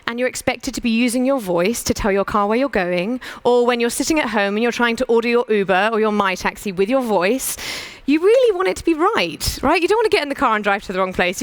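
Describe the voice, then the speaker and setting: A woman's voice: on the high side, no room sound. Persuasive British woman giving a conference talk. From United Kingdom. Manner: brisk and persuasive, with rhetorical questions. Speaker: conference speaker.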